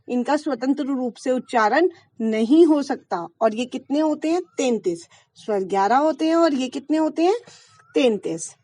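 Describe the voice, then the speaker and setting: High-voiced woman teaching grammar. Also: darkish tone, no echo. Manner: explains patiently, asks the class questions and answers them herself. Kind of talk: Hindi grammar lesson for schoolchildren.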